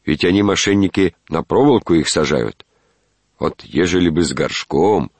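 Man reading as a grumbling old servant in a storybook, very deep husky voice, stubborn. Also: normal speed, a little mellow, dry recording. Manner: grumbling, matter-of-fact.

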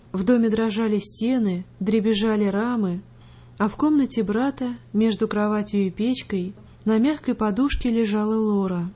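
A woman radio host reading a story aloud in a calm, measured literary manner. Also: a little high.

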